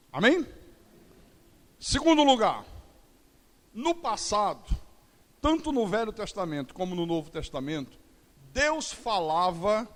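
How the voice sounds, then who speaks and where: A man's voice: high voice, big-room sound. A middle-aged male pastor preaching a sermon, telling stories with acted-out dialogue and humor. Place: church.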